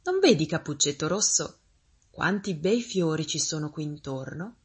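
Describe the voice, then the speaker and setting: A woman voicing a sly, soft-spoken male wolf in a fairy tale, talking low and coaxing. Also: animated, moderate pace, husky, exaggerated voice.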